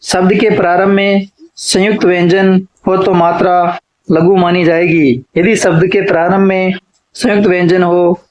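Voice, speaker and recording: A man with a high voice lectures at an unhurried, deliberate pace, giving each rule twice as if dictating to students preparing for an exam. The recording is dull and lo-fi. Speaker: Hindi literature teacher.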